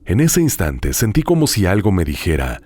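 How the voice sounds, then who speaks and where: Male horror-story host, very deep and slightly raspy, expressive dramatic delivery. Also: no echo. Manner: dramatic, hushed storytelling with drawn-out pauses. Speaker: host reading listener horror stories. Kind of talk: scripted horror narration.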